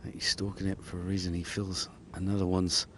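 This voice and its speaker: A man's voice: low-pitched, monotone, fairly quick, a little hiss or hum. A man giving live golf commentary as a commentator at a tournament.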